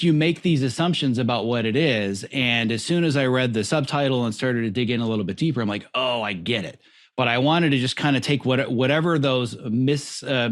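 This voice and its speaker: A man hosting an interview podcast, giving an effusive, lively introduction of his guests. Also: mid-range voice. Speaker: podcast host.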